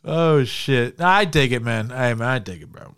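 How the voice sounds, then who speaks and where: Laid-back swearing podcast guy, smooth voice. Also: medium pitch, lively intonation, moderate pace, a bit bright, no room sound, studio quality. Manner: laid-back, swearing, says bro and man a lot. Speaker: podcast co-host. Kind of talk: casual banter.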